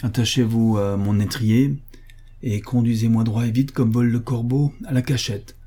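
A man's voice: medium pitch, fairly even intonation, moderate pace, dark tone, close to an everyday voice. A man voicing a stern, impatient Prussian cavalry officer in a read-aloud story, speaking in a commanding, menacing way. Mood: cold, menacing.

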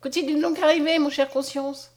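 A woman's voice: fairly high pitch, fairly even intonation, fairly quick, close to an everyday voice. A woman voicing a devout, tender young peasant girl in an audiobook reading. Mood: overjoyed. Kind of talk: audiobook character voice.

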